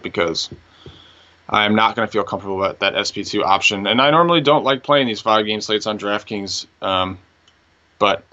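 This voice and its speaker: A man co-hosting a casual fantasy baseball podcast, talking through picks in a relaxed way, thinking aloud with fillers. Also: lowish voice. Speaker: fantasy baseball analyst co-host. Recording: dull lo-fi audio.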